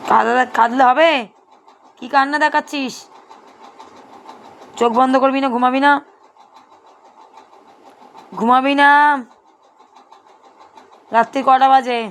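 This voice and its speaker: A woman's voice: high-pitched, fairly even intonation, takes it slowly, pauses often, slight background noise. A young Bengali mother talking to her baby at home at night, firm scolding that turns into sing-song baby talk. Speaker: mother vlogger.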